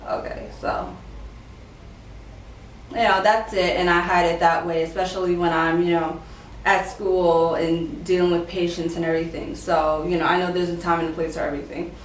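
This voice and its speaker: A woman's voice: lowish voice, flat delivery, a little fast. A woman in her twenties chatting casually to camera as a vlogger, telling her story conversationally, with speech slightly affected by a dental retainer. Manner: conversational storytelling, acting out quoted exchanges. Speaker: vlogger sharing personal experience. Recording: roomy echo, distant mic, faint noise.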